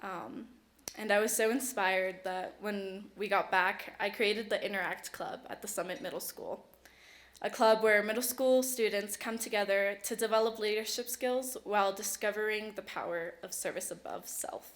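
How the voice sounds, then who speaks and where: A woman's voice: mid-range voice, normal speed. A woman in her late teens giving an acceptance speech at an awards ceremony. She is chatty and emotional, with lots of fillers, and she switches between English and Spanish. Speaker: award recipient.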